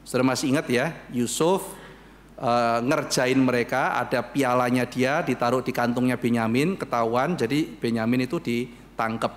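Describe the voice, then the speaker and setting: A man preaching a sermon as pastor, animated and acting out bits of dialogue as he addresses the congregation. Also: mid-range voice, normal speed. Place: church.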